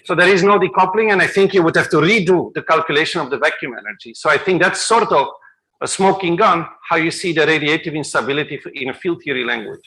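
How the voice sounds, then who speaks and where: A man's voice: on the high side, fast, bright, forceful tone, low-quality recording. A man speaker answering audience questions at an academic workshop, thinking aloud and checking in with "okay?".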